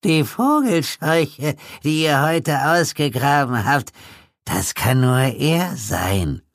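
A man's voice: a little high, big pitch swings, no echo, clean studio sound, pitched above the performer's own voice, exaggerated voice. Man putting on a reedy old village drunk. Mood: cackling. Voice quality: thin, reedy. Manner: slow, cackling.

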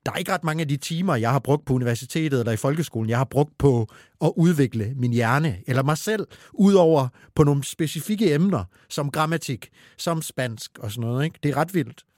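A man hosting a podcast who talks reflectively in casual conversation, with some hesitant pauses. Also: on the high side, expressive, a little mellow, no room sound, studio quality. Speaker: podcast host.

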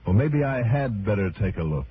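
Johnny Dollar, shrewd radio detective, muffled. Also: male voice, lowish voice, sing-song, brisk. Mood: inquisitive, concerned. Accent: American. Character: shrewd, unflappable male private investigator. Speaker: radio drama lead actor. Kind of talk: 1960s American radio drama acting and first-person narration. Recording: muffled, noisy old radio recording.

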